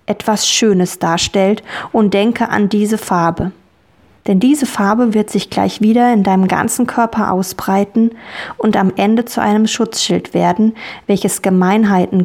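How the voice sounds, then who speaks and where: A woman guiding children through a relaxing dream journey, speaking calmly and soothingly with gentle repetition. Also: mid-range voice. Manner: slow, calm, soothing and repetitive. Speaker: guided relaxation guide for children. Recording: soft music bed. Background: soft music.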